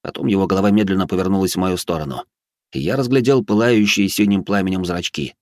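A man's voice: low-pitched, fast talker, a little mellow, dry recording. A man narrating a gritty first-person audiobook in an intense, dramatic way on a close studio mic.

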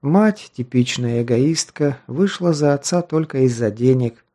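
A man reading an audiobook, voicing a proud but sheltered young noble girl in a raised, softened voice. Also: medium pitch, expressive, a little slow, close to an everyday voice.

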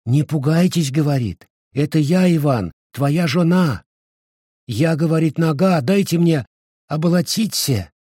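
Guy putting on a pleading village wife, raised higher voice, husky. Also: expressive, unhurried, dark tone, no room sound, clean studio sound. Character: peasant wife in a folk tale, desperate, pleading.

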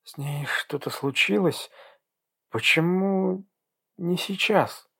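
A man's voice: mid-range voice, measured pace, natural voice. A man reading an audiobook, voicing a frightened young woman who has just given birth, with an anxious, pleading manner.

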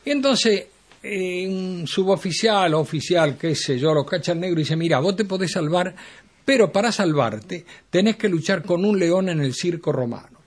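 Argentine joke teller, husky, slightly high voice, lively delivery. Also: male voice, moderate pace. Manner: lively storytelling, laughing at his own jokes. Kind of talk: telling dirty jokes.

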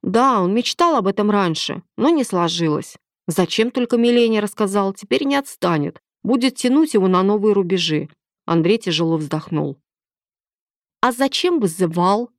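A woman narrating an audiobook in a steady, even reading voice. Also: medium pitch, moderate pace, no echo, studio quality.

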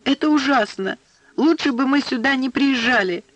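A man's voice: high voice, a little slow, a bit bright, no echo, voice pushed up, poor audio. A male narrator voicing a capricious, sulky teenage daughter in an audiobook, whiny and tearful.

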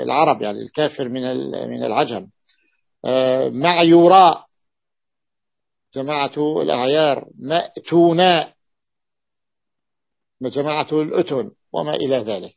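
A man's voice: a little high, creaky, muffled recording. A male teacher explaining word patterns in a classroom lesson, repeating forms and checking the students with questions. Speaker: teacher explaining Arabic morphology.

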